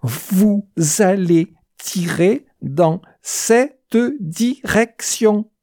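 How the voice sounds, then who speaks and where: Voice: mid-range voice, sing-song, a little slow, mellow, dry recording, clean studio sound. A reader voicing a brutal, foul-mouthed male army sergeant who bellows his orders and spits out each syllable, in an audiobook. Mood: cutting. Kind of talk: audiobook character voice.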